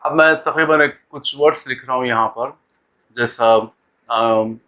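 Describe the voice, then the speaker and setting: A man teaching English pronunciation in a lesson, talking deliberately, repeating sounds and words with many pauses. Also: mid-range voice, pushed and bright. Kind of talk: classroom lesson explaining pronunciation.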